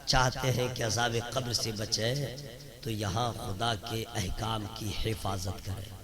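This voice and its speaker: A man giving a religious sermon at a public gathering, swinging from loud chanted lines to quick conversational asides and mimicked voices. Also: fairly low pitch, fairly even intonation. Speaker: religious speaker. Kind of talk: Urdu religious sermon to a crowd. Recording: crowd noise behind. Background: crowd.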